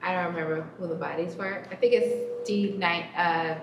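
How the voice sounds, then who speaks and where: A woman's voice: on the low side, fairly even intonation, normal speed. A woman board member giving an unsure update, searching for words. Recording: echoey, muffled, noisy.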